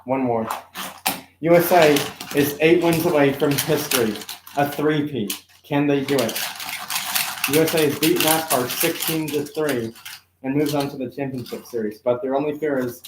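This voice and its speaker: A man's voice: medium pitch, normal speed, roomy sound, noisy background. Rambling man commentating on toy car games. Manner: rambling, self-correcting, lots of "um" and asides. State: occasional coughing. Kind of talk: casual live-stream commentary. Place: room at home.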